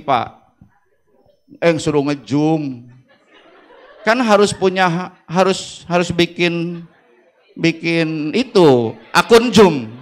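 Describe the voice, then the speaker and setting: High-voiced joking workshop speaker. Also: male voice. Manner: lively, joking, acts out quoted teachers. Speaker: workshop speaker, school principal. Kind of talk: humorous workshop talk to teachers. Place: auditorium with audience.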